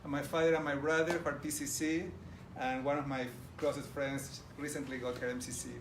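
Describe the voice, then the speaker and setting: A large room with an audience hosts a middle-aged Argentine presenter whose mid-range voice stays level and runs a little fast. Enthusiastic and speaking directly to listeners in an Argentine Spanish accent, he is picked up on roomy, distant audio with background noise.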